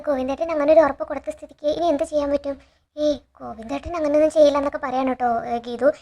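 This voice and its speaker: A woman's voice: sits high, mellow. A woman casually retelling a TV serial episode in a chatty way, quoting the characters' lines and adding frequent tag words. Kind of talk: casual storytelling recap.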